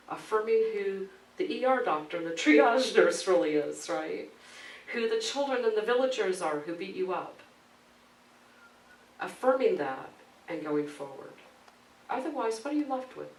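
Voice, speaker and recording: Prediger im halligen Kirchenraum. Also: male voice, sits high, gravelly. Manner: conversational, asks the congregation questions. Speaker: minister. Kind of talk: sermon with storytelling. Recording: roomy hall from a distance, faint background noise.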